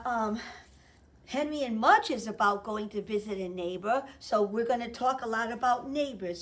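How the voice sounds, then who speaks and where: A woman teacher giving a remote lesson to young children, explaining slowly and clearly. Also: high-pitched. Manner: sings a slow chant and invites children to join.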